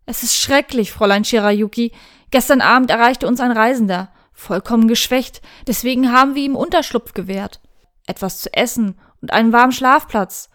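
A woman's voice: fairly high pitch, normal speed, a bit bright, close to an everyday voice. Woman doing an earnest, anxious young knight. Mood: urgent. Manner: urgent, earnest.

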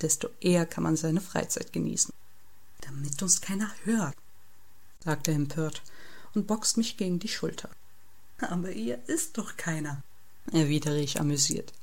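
Woman, audiobook narrator, first-person novel reading, calm, wry, lowish voice, gravelly.

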